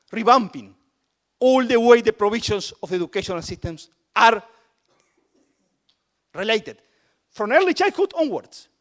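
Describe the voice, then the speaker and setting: High-voiced man talking emphatically. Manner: emphatic, repeats words for stress. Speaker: education policy speaker. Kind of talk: panel talk on inclusive curricula.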